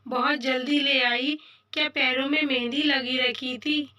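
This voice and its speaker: A woman's voice: high-pitched, steady tone, unhurried, pushed and bright, distant mic. A woman voicing a nagging, demanding elderly mother-in-law with a sarcastic, complaining manner, reading a little off-mic. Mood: grumbling.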